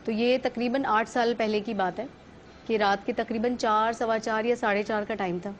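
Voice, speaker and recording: Woman telling a dramatic story, bit high. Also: steady tone, normal speed, highs cut off, slight background noise. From Pakistan. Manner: vivid storytelling, acts out others' lines. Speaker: guest. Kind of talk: personal story on a talk show.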